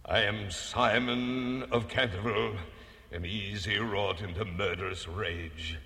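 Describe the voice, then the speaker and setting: An actor playing a centuries-old noble English ghost who declaims in a booming, archaic, melodramatic way. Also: male voice, measured pace, sharp tone, big-room sound. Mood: furious.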